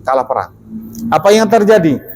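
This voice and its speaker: A male preacher telling a story in a sermon, animated, asking his listeners questions and repeating key lines. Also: sits high, normal speed, slight background noise, rough recording. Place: mosque.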